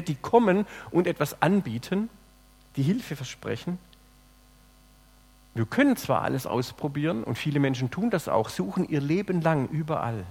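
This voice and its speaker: A man preaching a sermon, swinging between loud emphatic lines and soft, low, hushed phrases. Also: husky. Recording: long hall reverb.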